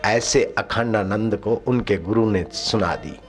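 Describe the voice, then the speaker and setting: A man preaching a religious discourse, telling stories and often rising high in pitch for emphasis. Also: takes it slowly, faint music behind. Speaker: spiritual teacher. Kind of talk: Hindi religious discourse with storytelling.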